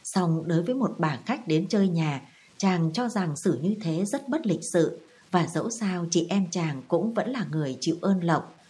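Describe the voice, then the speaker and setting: A woman reads a novel aloud in calm, even audiobook narration. Her voice sits low and sounds mellow and warm. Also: moderate pace.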